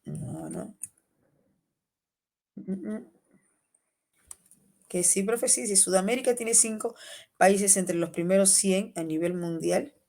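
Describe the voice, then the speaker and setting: A woman with a Peruvian Spanish accent teaching an online exam-prep class, quizzing students by name in a lively way. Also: medium pitch, slow, gravelly, long pauses. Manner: lively, calls students by name, asks and answers questions.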